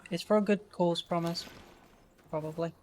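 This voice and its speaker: A woman's voice: fairly low pitch, steady tone, normal speed, a little mellow, faint music behind. A woman streaming gameplay live, making wry, sweary asides to her chat. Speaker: gaming streamer. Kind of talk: casual live gameplay commentary.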